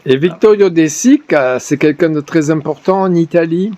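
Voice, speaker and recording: A man's voice: on the high side, moderate pace, warm tone. A man acting as interviewer and guide, asking questions and commenting on location outdoors. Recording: faint background noise on location.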